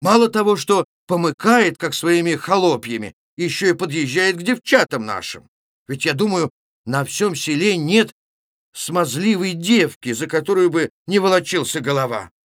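A male narrator voicing a burly young village reveller who loudly rouses his friends. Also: a little high, animated, moderate pace, no echo, clean studio sound, voice pushed up. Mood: rowdy. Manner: loud, swaggering, stirring up a crowd.

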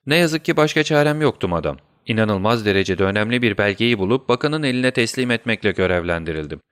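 A man's voice: on the low side, animated, fast, a bit bright, clear, resonant tone, no echo. A man voicing a firm, commanding detective. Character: brilliant calm adult male detective. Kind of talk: audiobook character reading.

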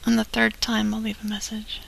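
A producer murmuring quiet instructions from away from the microphone, half whispered. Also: mid-range voice, monotone, fairly quick, creaky, heavy background noise. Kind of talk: off-mic whispered asides. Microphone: off-mic, away from the microphone.

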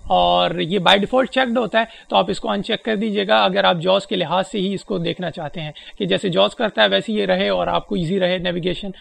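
Tutorial presenter, male, gravelly and high-pitched, hesitant step-by-step delivery. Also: fairly even intonation, hardly any pauses, fairly bright tone. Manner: explains step by step with frequent hesitations. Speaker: presenter demonstrating a screen reader. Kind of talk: spoken software tutorial.

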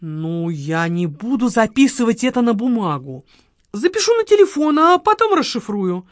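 A woman voicing a shrewd, calm male investigator who questions firmly and patiently. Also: a little high, moderate pace, no room sound, clean studio sound. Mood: calm questioning.

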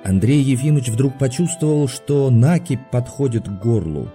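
A man narrating a classic story in a steady, measured reading voice. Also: mid-range voice, soft background music. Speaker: audiobook narrator. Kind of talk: scripted narration.

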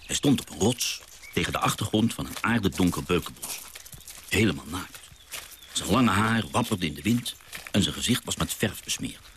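A low-voiced naturalist father in a radio play, lively storyteller, very expressive delivery. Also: normal speed, a little hiss or hum. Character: gentle father, a naturalist recalling his sea voyage. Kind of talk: radio drama narration.

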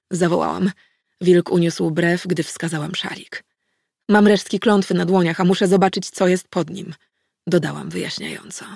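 Woman, first-person audiobook narration, dramatic dialogue, dry close sound, raspy. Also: lowish voice, a little mellow, no echo. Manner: acted, voices dialogue dramatically.

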